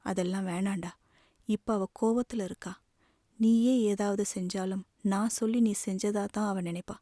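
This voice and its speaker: A woman voicing a heartbroken young man who gently soothes his younger sister in a subdued way. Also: medium pitch, steady tone, normal speed, no echo, studio quality, lightly acted. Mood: soothing, subdued.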